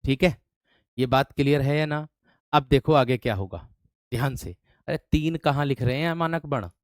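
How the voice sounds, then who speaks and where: Smooth-voiced teacher checking in often. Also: male voice, mid-range voice, dry recording, studio quality. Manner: repeats words slowly while writing on a board; asks the students frequent check-in questions. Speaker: Hindi teacher. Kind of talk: online exam-prep class.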